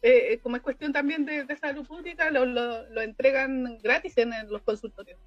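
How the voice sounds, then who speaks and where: A woman with a Chilean accent co-hosting a casual podcast, talking emphatically with laughs and quick restarts. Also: high-pitched, fairly even intonation, highs cut off, soft background music. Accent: Chilean Spanish. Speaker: podcast co-host. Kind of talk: casual chat.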